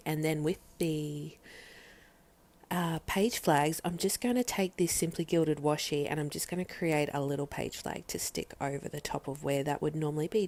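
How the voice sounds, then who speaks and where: A woman's voice: low voice, a little mellow. A young, heavily pregnant woman, slightly out of breath, casually narrating a craft tutorial as a vlogger. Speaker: planner vlogger.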